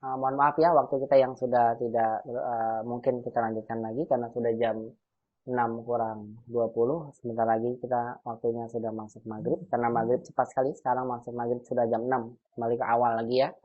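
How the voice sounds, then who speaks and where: A man leads an online grammar class, drawing out example phrases slowly and asking his students quick questions. His voice comes through a dull, lo-fi call connection, as if from a computer mic. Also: medium pitch, little pitch movement. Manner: patient, repeats example phrases slowly and asks quiz questions. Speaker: Arabic teacher.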